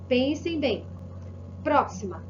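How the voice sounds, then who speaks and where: A woman's voice: high voice, very animated, slow pace. A Brazilian woman teaching an online Spanish class, encouraging and asking many rhetorical questions. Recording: muffled lo-fi audio with background hiss.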